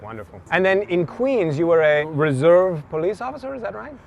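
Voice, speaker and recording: A man's voice: high voice, very animated, fairly quick, gravelly, dull audio, a little hiss or hum. A man hosting a casual interview outdoors, upbeat and full of praise for his guest. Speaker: interview host, mayoral candidate. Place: outdoors in a city near traffic.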